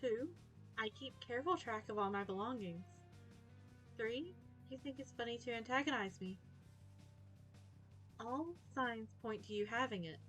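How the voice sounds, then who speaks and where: A woman's voice: fairly high pitch, lively intonation, moderate pace, long pauses, fairly bright tone, soft background music. A woman voicing a prim, irritated troll ex-girlfriend in a visual novel, using a controlled, polite customer service voice. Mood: politely irritated.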